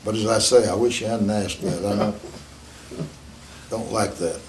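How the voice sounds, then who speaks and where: An elderly American man, a war veteran remembering in an unscripted interview, speaking in a halting, plain-spoken, matter-of-fact way. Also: lowish voice, fairly even intonation, darkish tone, a little hiss or hum.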